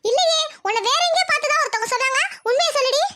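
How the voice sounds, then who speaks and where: A woman's voice: very high-pitched, rapid-fire, bright, forceful tone. A woman voicing a suspicious, scolding village mother. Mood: worried. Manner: scolding, suspicious, rural Tamil speech. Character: anxious strict village mother, middle-aged woman. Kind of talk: cartoon voice acting.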